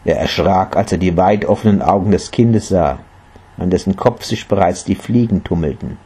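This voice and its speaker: Low, husky male storyteller. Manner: measured, quiet storytelling. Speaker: narrator. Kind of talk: storytelling narration.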